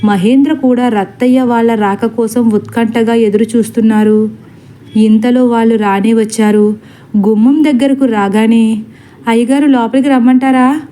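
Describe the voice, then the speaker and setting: Lady narrating a spooky story, kinda high voice, soft dark tone. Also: normal speed. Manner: steady, dramatic storytelling.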